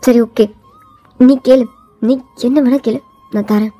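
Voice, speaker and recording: A woman's voice: on the high side, steady tone, a little slow, dark tone, no echo, soft background music, pitched below the performer's own voice. A woman voicing a cold, arrogant young male CEO who talks in a taunting, domineering way. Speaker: voiceover artist.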